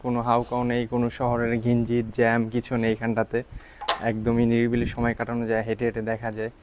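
A man filming a walking travel vlog outdoors, talking softly because he is tired and often checking in with his viewers. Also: medium pitch, completely flat delivery, fast talker, a little hiss or hum. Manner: keeps checking with "ঠিক আছে?". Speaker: travel vlogger. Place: outdoors on hilltop town streets.

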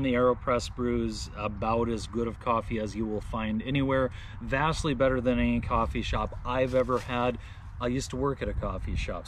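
A man's voice: medium pitch, a little hiss or hum. Chatty man demoing camp coffee gear. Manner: relaxed, chatty, thinks aloud. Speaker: camping gear vlogger. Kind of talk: casual product demo.

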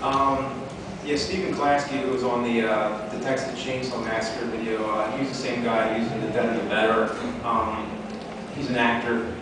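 A man's voice: medium pitch, normal speed. Laid-back guy at a podium fielding questions, lotsa ums, noisy echoey room. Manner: relaxed, hesitant, many ums and uhs. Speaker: panel guest answering audience questions. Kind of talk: casual Q&A answers. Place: large hotel conference room, standing at podium. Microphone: stand mic on podium, recorded by far audience camera. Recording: echoey hall, far-off camera, noisy.

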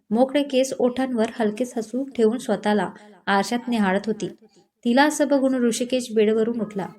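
A woman storyteller reading a romance story aloud in a gentle, expressive way. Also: a little high. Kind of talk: scripted story narration.

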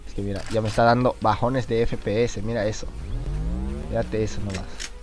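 A man giving casual, excitable gameplay commentary, talking to his viewers and to the game and swearing often. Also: fairly low pitch, moderate pace.

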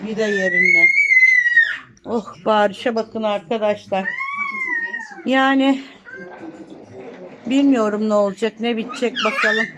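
A woman's voice: fairly high pitch, fairly even intonation, unhurried, long pauses, heavy background noise. An older woman from Turkey chatting to viewers in a casual home vlog while minding her grandchild, filmed on a phone in a small apartment. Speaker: grandmother vlogger. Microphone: phone camera.

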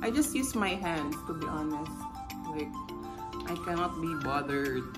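Over loud music, a woman with a low-pitched voice and lively intonation speaks a little slowly. She's a Filipino beauty vlogger applying makeup indoors in her bedroom, rambling in a friendly way and correcting herself, filmed close up by a camera in front of her.

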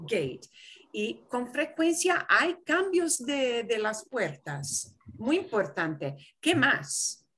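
A woman's voice: on the high side, big pitch swings, drawn-out words, a bit bright. A woman from Michigan teaching Spanish in an online class, patiently explaining and switching into English to clarify. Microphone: video call.

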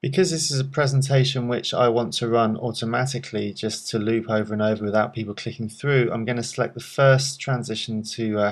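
A man presenting a software tutorial, calmly explaining each step of a screen walkthrough with frequent ums. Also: medium pitch.

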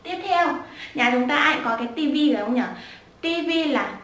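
A woman teaching children pronunciation, repeating each word slowly and breaking it into sounds with patience. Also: high voice, lively intonation, fairly bright tone. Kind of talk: slow spoken lesson with repeated drills. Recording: echoey room, voice a bit far from the mic.

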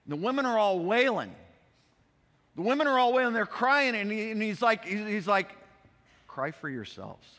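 A man's voice: high-pitched, normal speed. Man preaching in a reverberant hall. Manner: conversational, animated preaching with repetitions. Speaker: pastor. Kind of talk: expository sermon. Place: church sanctuary.

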